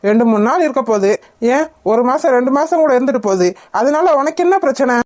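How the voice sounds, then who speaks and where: A woman voicing a soft-hearted middle-aged father in a cartoon, soothing and pleading. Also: high voice, lively intonation, fast talker, dry recording, clean studio sound. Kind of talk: cartoon voice acting.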